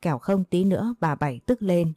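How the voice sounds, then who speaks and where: A woman reading a scripted story as narrator in an even, plain way. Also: fairly low pitch, a little fast, no room sound, clean studio sound.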